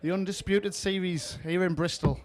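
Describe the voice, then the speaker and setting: A male sports commentator covering a darts match live. His voice is high for a man, and he speaks in punchy, admiring phrases. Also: fairly even intonation, moderate pace.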